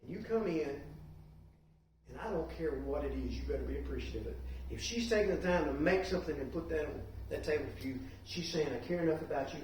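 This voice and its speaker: A middle-aged man, teaching a church class in a lively, joking way and prodding the class with questions. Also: on the high side, fast. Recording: echoey room, distant mic, faint hiss.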